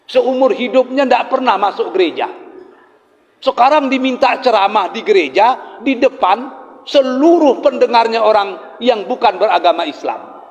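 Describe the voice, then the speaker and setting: A man's voice: extremely high pitch, moderate pace. A man preaching a sermon, telling a story and acting out the speakers in it, with jokes for his listeners. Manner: animated storyteller, acts out quoted speakers, jokes with the audience. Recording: dull sound with long hall reverb.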